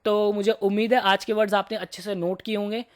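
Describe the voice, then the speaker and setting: A woman teacher with a slightly hoarse throat, giving a vocabulary lesson. She explains words in Hindi mixed with English, checks in with students often, and reads English example sentences slowly. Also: medium pitch, little pitch movement. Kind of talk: vocabulary lesson for entrance exams.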